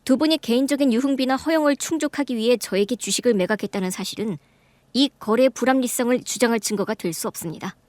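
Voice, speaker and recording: A woman voicing a calm, composed young businessman who speaks formally and firmly in a radio drama. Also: on the high side, no echo, close to an everyday voice. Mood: cool firm. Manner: formal, measured, coolly firm.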